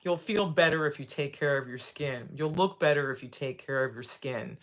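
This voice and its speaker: The recording is low quality, capturing a sixty-year-old woman's low voice at a moderate pace. Hosting a live video, she demonstrates while chatting casually, with repeated phrases and frequent tag questions.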